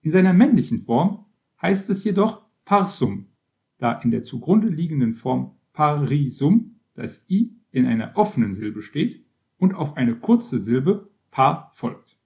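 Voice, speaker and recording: A man reading an encyclopedia-style text aloud as scripted narration, in a measured, list-like way. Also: on the high side, sing-song, creaky, dark tone. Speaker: reader.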